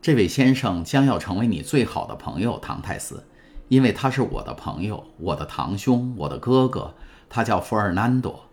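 A man's voice: lowish voice, big pitch swings, moderate pace. A man reading an audiobook, voicing a devoted, steadfast young woman in an earnest, pleading way. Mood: warm.

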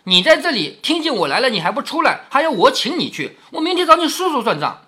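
A man reading aloud the cheerful, teasing lines of an elderly noblewoman from a classic novel, in a lively, raised voice that is a little husky. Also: very high voice, quick pace, pitched above the performer's own voice, full character voice. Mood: genial. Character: genial elderly noblewoman, a dowager princess.

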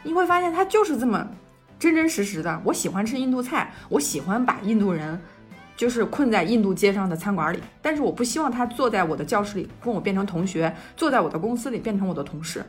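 A young woman from China co-hosting a casual podcast, telling stories in a rapid flow with frequent restarts. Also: mid-range voice, animated, faint music behind. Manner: rapid storytelling with restarts and quoted dialogue. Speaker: podcast co-host. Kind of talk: casual conversational podcast chat.

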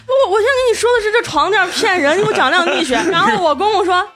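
A middle-aged woman telling a story in a casual group chat, animated and mimicking relatives. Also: very high voice, fast, faint music behind. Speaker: podcast co-host.

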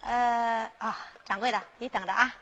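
Woman as gullible rich boy, bright high tone, straight man to the shopkeeper. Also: steady tone, normal speed, highs cut off. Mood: curious. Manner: questioning straight-man replies. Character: boy Huyan Qing, naive rich child. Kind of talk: comic folk-story dialogue.

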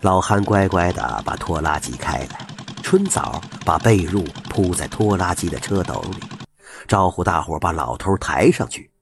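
A man telling a folk tale with an animated, expressive delivery. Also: sits low, normal speed, creaky, noisy background. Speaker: storyteller.

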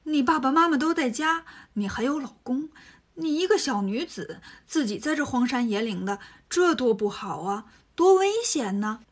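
A woman voicing a timid, pious male monk who lectures softly, sometimes half whispering. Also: high voice, lively intonation, moderate pace. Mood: gently lecturing.

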